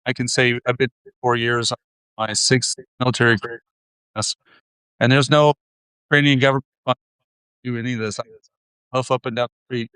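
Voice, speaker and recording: A man's voice: medium pitch, little pitch movement, a little fast, long pauses, a bit bright, clear, resonant tone, no echo, rough recording. A man hosting an online interview, speaking earnestly while his voice breaks up over a glitching call connection. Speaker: podcast host. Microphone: remote call microphone.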